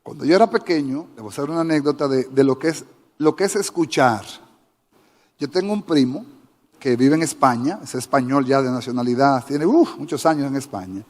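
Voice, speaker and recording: Speaking fairly quickly in a mid-range, darkish voice, this Dominican preacher delivers a passionate sermon. He repeatedly puts questions straight to the congregation, his words echoing with long reverb through the church sanctuary.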